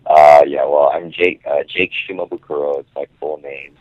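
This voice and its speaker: A man from Hawaii, a musician guest, talking casually and haltingly as he searches for his words, heard over a phone line. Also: extremely low pitch, steady tone, no room sound. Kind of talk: casual interview talk.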